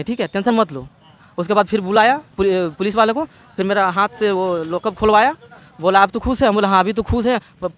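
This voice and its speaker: Young man, Jharkhand Hindi accent, high voice, rambling testimony outdoors with traffic behind. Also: fairly bright tone. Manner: rambling retelling, quotes others' words, restarts. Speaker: interviewee recounting police custody. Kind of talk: emotional first-person testimony.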